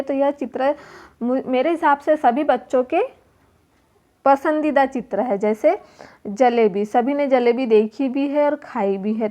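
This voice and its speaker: A woman teacher slowly walking children through a language workbook lesson, repeating each word and sound with care. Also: high-pitched, a little mellow. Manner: slow, deliberate, repeats words and sounds for children. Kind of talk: classroom lesson walkthrough.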